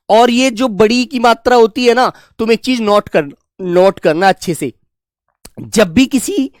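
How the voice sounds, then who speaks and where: Male coaching teacher, affectionate and lively in pitch, repeats drills, dry booth-like recording. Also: dry recording. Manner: affectionate, calls listeners "my dear children"; repeats and drills sounds aloud. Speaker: Hindi teacher. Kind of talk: exam coaching lesson.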